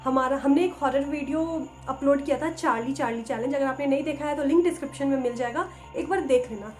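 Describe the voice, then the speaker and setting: A woman's voice: high voice, fast talker. A woman co-hosting a casual vlog, retelling a viewer's ghost story with English words mixed in. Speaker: co-host. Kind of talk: casual horror story chat. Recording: faint music behind the voice.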